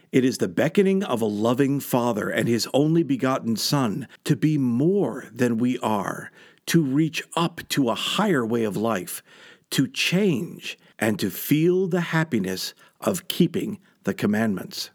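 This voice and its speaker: Earnest man teaching with lively pitch. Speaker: scripture study teacher. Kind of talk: scripture lesson commentary.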